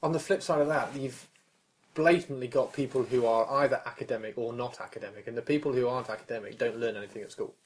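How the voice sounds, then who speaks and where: A British man in his forties hosts a podcast, chatting casually and thinking aloud while tripping over numbers. His mid-range voice stays steady, and he talks fast.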